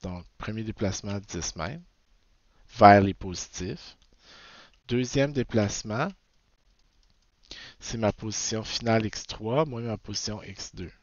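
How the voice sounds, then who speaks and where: In an unhurried, low-sitting voice with long pauses, a Québécois-accented man teaches a recorded physics lecture. He regularly checks in with "ok?" and corrects himself as he goes. There's no room sound, and the recording is dull, dry and lo-fi.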